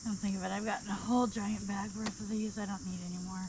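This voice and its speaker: A woman walks her vegetable garden outdoors, a bit out of breath, chatting candidly and rambling with plenty of ums. Her voice sits at an ordinary middle pitch. Faint crickets and insects buzz softly behind her. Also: flat delivery, quick pace, noisy background. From South Dakota. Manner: rambling, candid, with many fillers. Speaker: gardening vlogger. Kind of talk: casual garden update chat.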